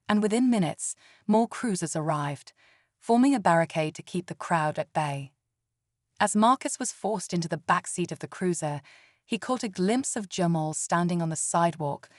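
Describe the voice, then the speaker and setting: A woman reading a dramatic story in a measured scripted narration. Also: lowish voice, dry recording, clean studio sound.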